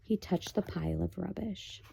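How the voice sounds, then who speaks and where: A woman reading a children's novel aloud, gently, with chatty asides. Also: lowish voice, normal speed, creaky, slight background noise. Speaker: storybook reader.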